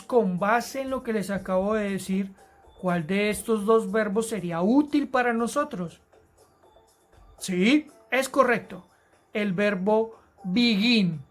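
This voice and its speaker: A woman teaching an English grammar lesson to Spanish-speaking students, explaining rules patiently and repeating key words slowly. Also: medium pitch. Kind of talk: recorded grammar lesson narration.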